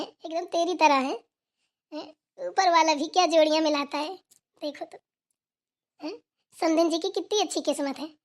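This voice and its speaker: Woman voicing a cartoon village mother, affectionate, chatty, high-pitched. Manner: affectionate, laughs easily. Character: warm chatty village mother visiting daughter. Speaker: visiting mother. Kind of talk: cartoon voice acting.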